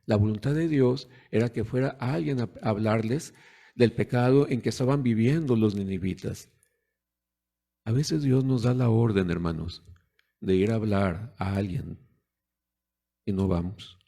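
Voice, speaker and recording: A man's voice: lowish voice, a little slow, vocal fry, warm tone. A man preaching a sermon in a conversational way, putting rhetorical questions to the congregation and acting out the voices of parents and children.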